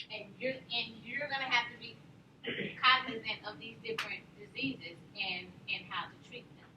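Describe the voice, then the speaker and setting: Woman, nursing instructor, high voice, lively stories, questions to class, recorded from afar. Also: measured pace, pauses often, noisy background. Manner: animated storyteller, quizzes the class. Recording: roomy classroom from far off.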